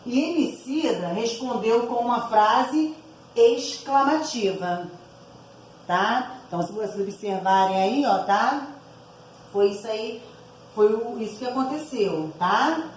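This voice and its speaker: A woman's voice: fairly high pitch, expressive, takes it slowly, reverberant, slight background noise, rough recording. A woman teacher going through exercise answers aloud for her class, explaining each item and often checking in with her listeners. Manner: explanatory, frequent tag words asking for agreement.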